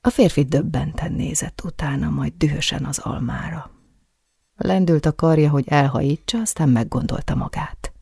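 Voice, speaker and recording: Audiobook narrator, gravelly voice, dry close sound, relaxed playful storytelling. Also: mid-range voice, no room sound. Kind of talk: literary audiobook reading.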